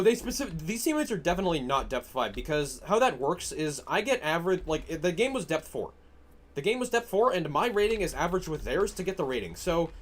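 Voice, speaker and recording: A young man ranting angrily over an online game, swearing a lot and swinging between shouts and low muttering. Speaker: gaming streamer. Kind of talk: ranting gameplay commentary.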